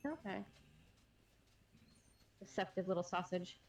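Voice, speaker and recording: A woman's voice: lowish voice, expressive, unhurried, slight background noise. A woman chatting casually with a friend during a gaming stream, teasing and laughing easily. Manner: giggly, teasing. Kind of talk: casual chat while gaming.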